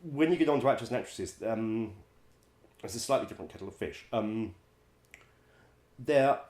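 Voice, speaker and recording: Low-voiced guy spinning wry showbiz stories, lots of ums and chuckles, echoey room. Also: animated, normal speed, a little mellow. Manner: chatty, wry, laughs often, many ums. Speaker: musical director and vocal coach. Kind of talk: casual anecdote-telling.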